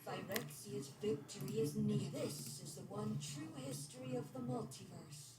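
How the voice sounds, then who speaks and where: A woman's voice: mid-range voice, normal speed, over a noisy crowd, natural voice. A woman voicing a menacing compleated Phyrexian planeswalker in a video game, speaking in cold, solemn declarations. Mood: ominous. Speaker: in-game card voice line. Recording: echoey, distant, noisy game audio.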